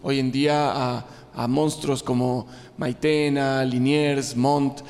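A man's voice: mid-range voice, level tone, takes it slowly, darkish tone. A man from Ecuador in his forties, an illustrator giving a humorous talk to a live audience, joking and self-deprecating, with frequent fillers and restarts. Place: large hall with an audience. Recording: long hall reverb.

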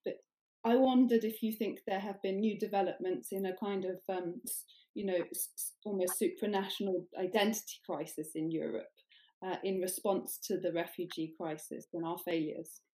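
A woman chairs a panel, asking long, thoughtful questions that wander through small hesitations and fillers. Her voice is mellow and warm, at a middle pitch for a woman. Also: fairly even intonation, normal speed, rough recording. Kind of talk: moderating a panel discussion.

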